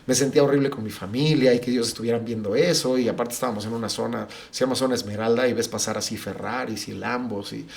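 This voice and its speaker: A man's voice: mid-range voice, fast, creaky, hardly any pauses. A middle-aged man, a pastor and podcast guest, telling a personal story and acting out what others said. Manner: animated, acts out the dialogue of family and friends.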